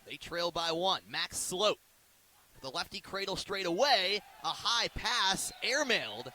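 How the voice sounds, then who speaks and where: Sitting high with lively intonation, a man's pushed, bright voice moves a little slowly in this low-quality recording of live radio play-by-play at an outdoor ballpark or sports field. He details the action and ramps up for big plays, with faint background noise throughout.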